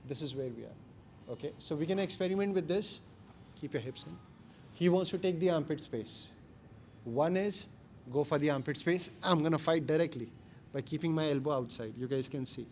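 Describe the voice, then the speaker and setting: A man's voice: on the high side, normal speed, slight background noise. A man with an Indian accent teaching a martial arts class, speaking emphatically in short, repeated phrases. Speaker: jiu-jitsu instructor.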